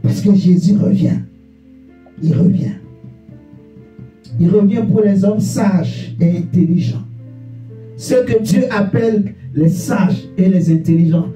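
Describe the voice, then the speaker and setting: A man preaches a fervent sermon, his voice high and mellow-dark in tone, pacing his words slowly. He hammers the same questions again and again and breaks into shouts, calling for answers from the pews. The sound is roomy and caught from a distance, with a faint guitar behind him. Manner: repetitive, rhetorical questions, bursts of shouting. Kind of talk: fervent sermon with congregation call-and-response. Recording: echoey church room, distant mic, faint guitar.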